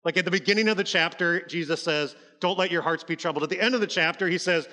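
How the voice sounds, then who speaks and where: Male pastor, conversational but emphatic sermon delivery, bright tone, long hall reverb. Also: sits high, fast talker. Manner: conversational, emphatic preaching with frequent "like" and restarts.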